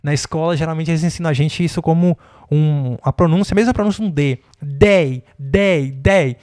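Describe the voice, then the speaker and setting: A man's voice: fairly high pitch, quick pace, warm tone, clear, resonant tone. A man from Brazil with a Brazilian Portuguese accent, teaching an English lesson online in a casual, chatty way, often checking in with his viewers and spelling words out. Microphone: desk microphone.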